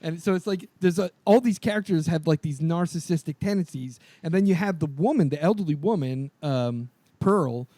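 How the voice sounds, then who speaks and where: A man co-hosting a podcast, talking casually and excitedly about a film, swearing often and laughing. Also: on the high side, moderate pace, hardly any pauses, dry recording. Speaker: podcast co-host. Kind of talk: casual movie discussion.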